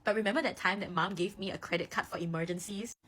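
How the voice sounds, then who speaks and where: A man's voice: high-pitched, fast, bright, forceful tone. A woman voicing a reluctant young male twin who talks in a dry, teasing, hesitant way.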